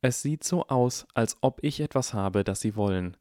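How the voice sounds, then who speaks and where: A man's voice: mid-range voice, animated, moderate pace, warm tone, no room sound, studio quality, pitched above the performer's own voice, natural voice. A man voicing a clever eleven-year-old boy who talks in a cold, icy and precise way in an audiobook.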